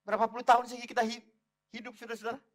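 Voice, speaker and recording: A man preaching a lively sermon in church, calling out to the congregation. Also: very high-pitched, very fast. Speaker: pastor.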